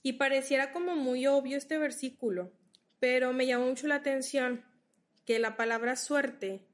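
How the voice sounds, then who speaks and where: A woman's voice: high voice, steady tone, normal speed. A woman leading a Bible study. She reads verses aloud, explains them patiently and checks in with her listeners.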